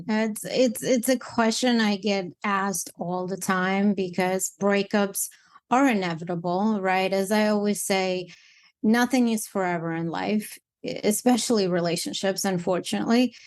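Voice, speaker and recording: Woman guest, matchmaker from Ukraine; frank, blunt delivery, mid-range voice. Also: medium pitch. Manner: candid, blunt, animated with repeated restarts. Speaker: matchmaker and dating coach guest. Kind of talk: casual interview chat.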